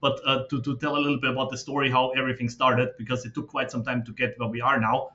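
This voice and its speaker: A man, a podcast guest who explains his background in a steady, filler-laden way. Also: mid-range voice, fast. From Austria. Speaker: guest, fund manager. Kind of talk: casual interview talk. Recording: slightly dull lo-fi audio.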